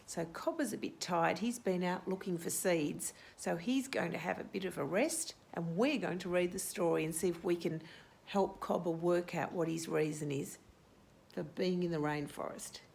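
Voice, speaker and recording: Here a woman with a fairly low, darkish, creaky voice reads a picture book to young children at a moderate pace, breaking off to explain things plainly and ask them questions. A slight hiss or hum sits underneath.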